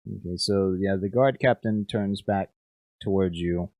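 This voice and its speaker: Slow deep-voiced male game master. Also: darkish tone, no room sound. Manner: halting, hesitant, many restarts. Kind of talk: narrating a tabletop game.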